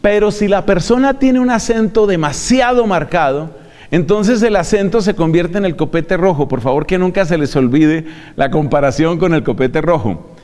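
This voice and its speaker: A man's voice: high-pitched, expressive, normal speed, a little mellow. A man, a friar giving an earnest, emphatic lecture on how to preach, speaking straight to his listeners. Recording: long hall reverb.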